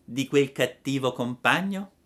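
A man voicing a wise, gentle female marmot who speaks slowly and softly. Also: lively intonation. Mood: gently scolding. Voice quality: soft, slow and low.

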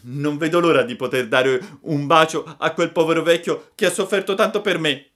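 Guy doing a squeaky excited puppet boy, loud and breathless, storybook voice. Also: normal speed, close to an everyday voice. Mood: eager.

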